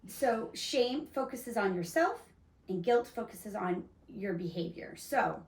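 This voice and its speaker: A woman's voice: medium pitch, lively intonation, takes it slowly. Woman, podcast host, earnest, explanatory, echoey, distant mic. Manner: earnest, explanatory, many restarts and fillers. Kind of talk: casual faith-based discussion.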